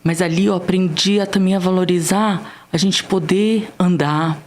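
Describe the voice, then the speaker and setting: A woman's voice: lowish voice, steady tone, a little mellow, slight background noise. A woman with a Brazilian Portuguese accent tells a personal faith testimony on a church podcast, speaking earnestly and acting out the dialogue. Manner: earnest, emotional storytelling that re-enacts dialogue, slowing down on key words. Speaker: guest sharing a testimony.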